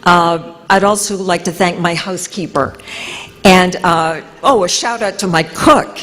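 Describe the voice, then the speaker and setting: A woman's voice: fairly low pitch, measured pace. Woman giving an acceptance speech in a hall. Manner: warm, self-deprecating, joking asides. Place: large hall at a ceremony. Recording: long hall reverb.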